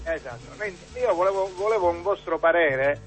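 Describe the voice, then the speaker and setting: Man, caller, halting, repeats words, indignant, faint music. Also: high voice. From Palermo, Italy. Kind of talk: football call-in opinion.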